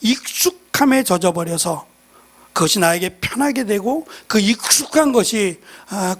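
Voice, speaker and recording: High, lively-voiced preaching man. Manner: earnest, reflective preaching. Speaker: pastor. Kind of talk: sermon.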